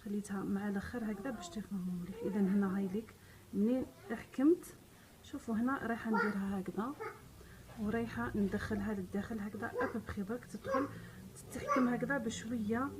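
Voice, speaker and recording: A woman's voice: medium pitch, steady tone, fast, background noise. A woman with an Algerian Arabic accent hosts a casual sewing tutorial, chatting step by step, repeating herself and speaking straight to her viewers. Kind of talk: casual step-by-step craft demonstration.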